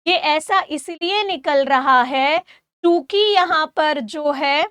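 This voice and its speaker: A woman teacher giving an exam-prep grammar lesson. She asks questions and answers them herself, spells sounds out slowly for her students, and sets them homework. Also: high voice, fairly bright tone, no room sound, studio quality. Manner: addresses students as "beta", gives homework.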